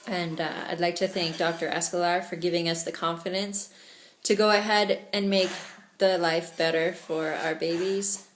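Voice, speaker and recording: A woman's voice: on the low side, fairly even intonation, moderate pace, few pauses, slight background noise. A woman from Canada talking through a casual video diary in an earnest, chatty way. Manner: earnest, chatty, laughs often. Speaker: vlogger. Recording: echoey room.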